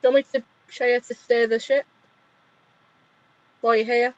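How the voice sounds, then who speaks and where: A woman's voice: a little high, little pitch movement, a little fast, dry recording, dull audio, natural voice. A woman voicing a young female ship captain who fusses over a friend, earnest and pleading. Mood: pleading, caring.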